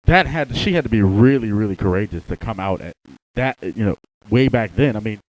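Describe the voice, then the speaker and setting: Fast-talking male radio interviewer. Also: fairly low pitch, expressive, darkish tone, no echo, poor audio. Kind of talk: casual, conversational interviewing.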